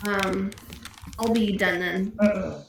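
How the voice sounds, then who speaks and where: Echoey lady at game night, talks slow and unsure, thinking out loud. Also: medium pitch, steady tone, creaky. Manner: hesitant, thinking aloud. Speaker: tabletop game player. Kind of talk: casual game-table chat. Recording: very echoey with faint noise.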